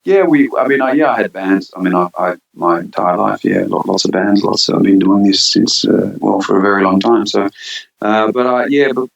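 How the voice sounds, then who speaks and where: A deep, gravelly man talks loosely as an interview guest, circling through fillers and restarts. The sound comes through a muffled, lo-fi remote line. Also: moderate pace. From Switzerland and Australia. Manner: rambling, many fillers and restarts. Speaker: band singer, guest. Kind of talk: casual interview chat.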